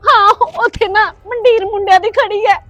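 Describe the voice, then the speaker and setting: A woman's voice: extremely high pitch, fairly even intonation, normal speed, bright, forceful tone, no room sound, faint music behind. A woman playing a hurt young mother who speaks tearfully and defiantly.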